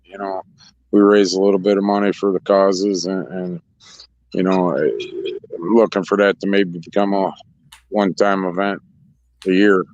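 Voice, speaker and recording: A man with a lowish voice chats casually as a racetrack co-host, laughing as he goes and stumbling through restarts. The recording is dull and lo-fi, with the top end rolled off. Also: little pitch movement, normal speed, darkish tone, no room sound. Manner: laughs often, rambling with restarts. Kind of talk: casual chat. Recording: dull lo-fi sound.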